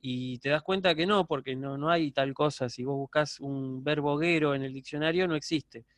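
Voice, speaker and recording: A man with an Argentine Spanish accent giving a university lecture online, explaining patiently and often checking in with a quick "¿sí?". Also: a little high, fairly bright tone, dry recording.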